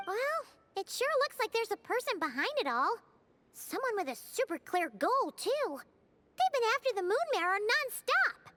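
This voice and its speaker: A tiny, excitable fairy-like girl with a squeaky, very high, childlike voice acts out English video game dialogue at normal speed. She's a curious, blunt companion who sounds worried, chatty and exclamatory, full of questions. Background music plays behind her, along with some background noise.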